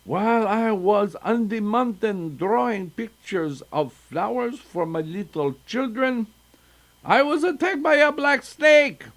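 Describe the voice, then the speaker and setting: Older guy putting on a scared breathless schoolteacher, voice jumps up high, storybook folktale. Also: takes it slowly, a bit bright, full character voice. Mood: panicked. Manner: gasping, panicky. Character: frightened male village schoolteacher, shaken and breathless.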